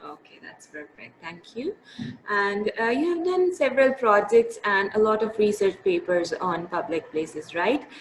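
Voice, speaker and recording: A woman's voice: mid-range voice, expressive, measured pace. A woman interviewer asking questions in a conversational way. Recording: roomy echo, faint background noise.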